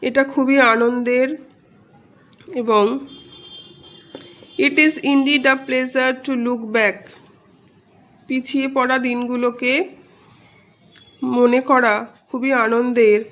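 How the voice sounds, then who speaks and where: A woman's voice: fairly high pitch, fairly even intonation, slow, pauses often, a bit bright, low-quality recording. A woman, teaching a lesson by reading out words one by one and giving their meanings. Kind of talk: slow classroom-style lesson explanation.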